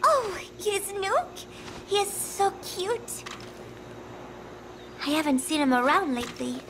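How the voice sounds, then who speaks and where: Brief: soft, drifting young girl in a game, high and slow, with clear noise behind. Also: sing-song, exaggerated voice. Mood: gentle. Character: frail gentle teenage girl, tired and sweet. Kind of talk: video game cutscene acting.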